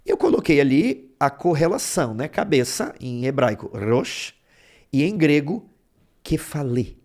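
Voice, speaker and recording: A male Bible teacher talks slowly and patiently, his voice sitting a little high. His pitch swings widely as he stresses each key word. He checks in often with short asides to his listeners. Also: big pitch swings, a little mellow. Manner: explains word roots step by step, checking in with "tá bom?" and "né?". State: throat bothering him. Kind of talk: explanatory Bible lesson.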